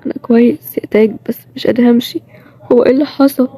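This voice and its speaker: A woman voicing a tired, stubborn young man with an Egyptian accent, in a low-key, plain-spoken way. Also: fairly even intonation, fast, warm tone, slightly rough, no room sound. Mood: weary. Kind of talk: storybook role-play series.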